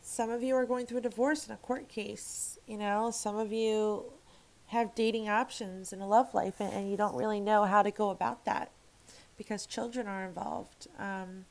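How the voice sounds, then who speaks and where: A woman's voice: mid-range voice, steady tone, moderate pace, rough recording. A woman giving a casual tarot reading to camera, frank and emphatic, swearing freely and rambling with restarts. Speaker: tarot reader.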